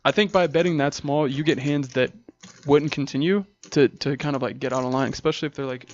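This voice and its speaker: A man casually commentates a live poker stream alongside a co-host, laughing often and rambling a bit. His mid-range voice moves briskly with fairly even intonation, and the stream audio is dull with a faint hiss.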